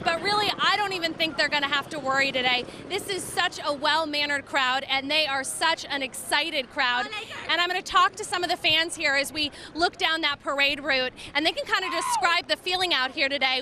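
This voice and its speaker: A woman reporting live from a parade route outdoors, upbeat and energetic. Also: high voice. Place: outdoors on a city street. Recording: street noise and traffic behind.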